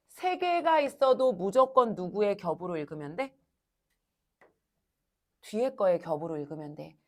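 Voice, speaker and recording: A woman teaches a high-school language class. She asks students questions and answers them herself, in a brisk, coaxing manner.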